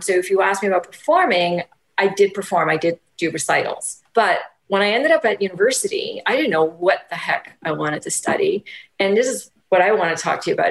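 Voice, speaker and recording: Guest woman from Portugal, slightly low voice, lively storyteller in a casual interview. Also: creaky, low-quality recording.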